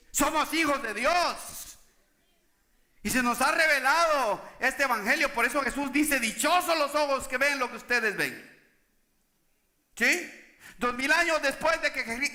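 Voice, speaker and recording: A male pastor delivers an emphatic sermon and keeps turning to the congregation for agreement. His voice sits very high and sounds sharp and bright. The sound echoes around a roomy church. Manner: emphatic preaching with repeated "¿sí?" to the congregation.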